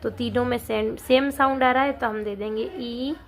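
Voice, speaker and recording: A woman teacher, reading lines slowly and explaining them line by line in simple conversational speech. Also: fairly high pitch, steady tone, slight background noise.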